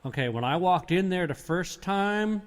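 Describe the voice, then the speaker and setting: A man's voice: high-pitched, moderate pace. A man, a paranormal investigator, telling his experiences in a casual podcast interview, rambling with restarts. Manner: rambling, restarts, animated retelling.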